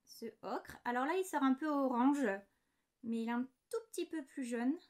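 A woman's voice: high-pitched, normal speed, a little mellow. Chatty woman showing knitting supplies. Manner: chatty, apologetic, fond of small details. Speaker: knitting podcast host. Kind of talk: casual show-and-tell chat. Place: home desk, indoors.

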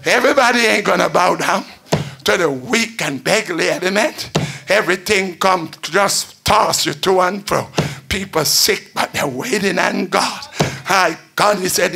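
An older man preaching at a church pulpit, chanting and shouting in a sing-song call-and-response style. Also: high-pitched, creaky, slightly rough. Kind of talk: chanted Pentecostal sermon. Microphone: pulpit stand mic.

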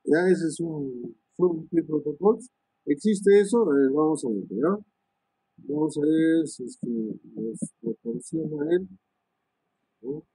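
A male networking instructor talks students through switch commands, thinking aloud, tagging lines with "¿no?" and filling pauses with "este". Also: on the high side, expressive, warm tone, slightly rough, no echo, poor audio. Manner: many "este" fillers and restarts. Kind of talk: live screen-share lesson on switch commands.

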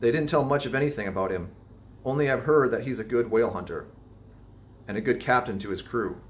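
A man's voice: medium pitch, a little fast, natural voice. A man voicing a wary, skeptical young male sailor who asks blunt questions.

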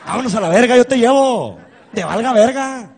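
A man putting on a macho, sweet-talking male ex-boyfriend with a Sinaloan Mexican accent, smooth and crude. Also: extremely high pitch, animated, normal speed, darkish tone, some chatter behind, voice pushed up, full character voice. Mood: coaxing. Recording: reverberant live venue.

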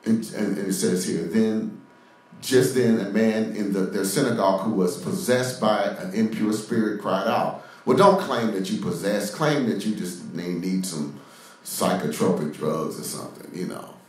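A man's voice: deep voice, normal speed, distant mic. A man preaching a sermon-style podcast, reading scripture and breaking off into sarcastic, mocking asides. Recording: very echoey room, voice off-mic.

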